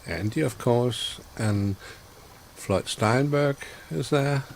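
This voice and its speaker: A man's voice: medium pitch, slow pace, vocal fry, slight background noise. A man hosting a casual online stream, hesitant and full of fillers. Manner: hesitant, many fillers, chuckling. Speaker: host.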